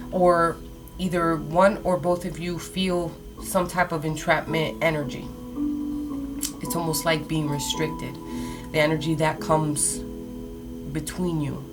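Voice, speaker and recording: Low-voiced woman giving mystical horoscope reading. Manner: casual, conversational, addressing listeners directly. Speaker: tarot card reader. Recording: loud background music. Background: music, shuffling cards.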